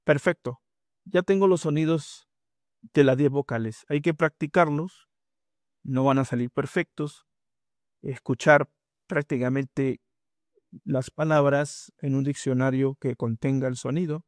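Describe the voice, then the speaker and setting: Slow, deliberate male pronunciation teacher. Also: medium pitch, fairly even intonation, no room sound, clean studio sound. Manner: slow, drawn-out demonstrations of vowel sounds. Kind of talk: spoken lesson.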